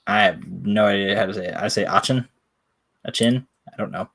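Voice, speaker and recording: A man's voice: fairly low pitch, level tone, quick pace, gravelly, fairly bright tone. A man with a Tennessee accent chats casually and folksily on a live sales stream, a bit self-deprecating. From Tennessee, USA. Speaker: coin seller.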